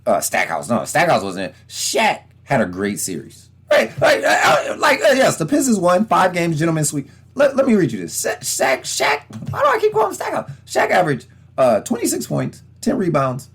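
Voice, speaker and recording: A man's voice: fairly high pitch, huge pitch swings, normal speed, a bit bright, husky. A man in his thirties from Detroit, hosting a casual sports podcast, rambling and acting out quoted voices. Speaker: podcast host.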